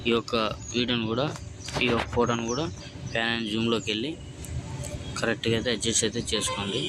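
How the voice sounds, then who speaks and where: Brief: male tutorial host, low, monotone delivery, rushed steps, checks in with "okay friends", loud traffic noise behind. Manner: keeps repeating "okay friends" between steps. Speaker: video editing tutorial host. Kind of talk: casual step-by-step phone app tutorial.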